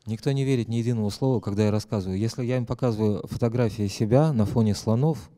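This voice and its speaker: A man's voice: fairly low pitch, quick pace, warm tone. A man interpreting a lecture live, hesitant, with many fillers and self-corrections.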